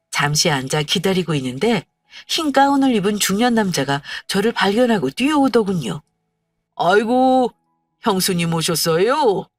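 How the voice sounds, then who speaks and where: A woman's voice: fairly low pitch, no room sound. A woman narrating a first-person story in a heartfelt, tearful manner, recorded from a distance over faint music. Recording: distant mic, dry sound, faint music.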